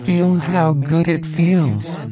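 A man narrating a hypnosis recording in a slow, commanding, repetitive way. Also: on the high side, fairly even intonation, highs cut off, a crowd in the background.

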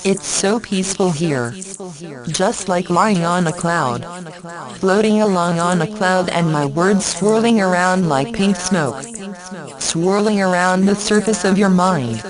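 A woman speaking slowly and softly in a guided hypnosis recording, repeating phrases in a gentle, coaxing way. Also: medium pitch. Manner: slow, soft, repetitive, coaxing. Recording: voice layered with its own overlapping echo track.

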